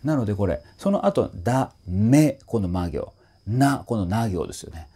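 A man with a fairly low, slightly rough voice speaks a little slowly. He is a voice trainer giving a casual music lesson, explaining a song in an animated way and singing short phrases to demonstrate them.

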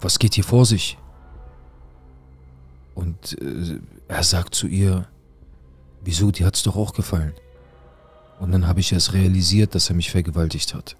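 Low-voiced man telling a gripping story. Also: steady tone, measured pace, pauses often, husky, faint music behind. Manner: retells events with quoted dialogue, intense and heated. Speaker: guest recounting a personal experience. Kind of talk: emotional first-person account.

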